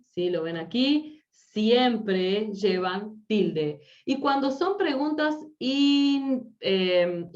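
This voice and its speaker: A female teacher giving a lecture in an online class, who explains patiently and keeps checking that students follow. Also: mid-range voice. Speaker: Spanish teacher. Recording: slightly distant, dull lo-fi mic.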